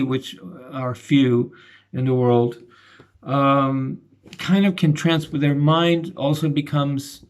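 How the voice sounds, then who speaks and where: A middle-aged man talking through a casual video commentary, halting and restarting often. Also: medium pitch. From grew up between the United States and Argentina. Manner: halting, many restarts and fillers. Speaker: channel host giving commentary.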